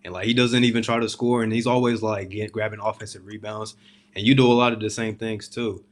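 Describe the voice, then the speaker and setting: Casting: male sports show host, lowish pitch, loose conversational interview style with slangy wording. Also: little pitch movement, brisk. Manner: informal slangy phrasing.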